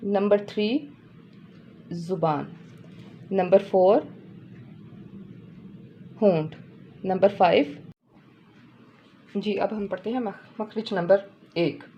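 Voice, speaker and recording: A woman's voice: mid-range voice, mellow, lo-fi sound, slight background noise. A woman teaching a Quran lesson step by step, patiently repeating each point and checking in with her students.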